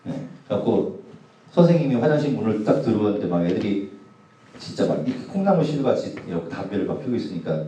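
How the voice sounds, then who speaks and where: A deep-voiced youth pastor in his forties tells funny stories during a sermon, his pitch rising and falling a lot. He is caught from a distance in a very echoey church hall. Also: dark tone. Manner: casual, humorous anecdotes told to a youth group. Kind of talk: sermon storytelling.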